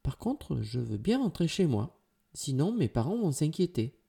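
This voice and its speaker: A brave young girl in a storybook, as a man puts her on, with a much higher voice than his own. She cries out in alarm and swoops across her range. Her tone has a slightly husky edge. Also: very animated, moderate pace, mellow, exaggerated voice. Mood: protesting.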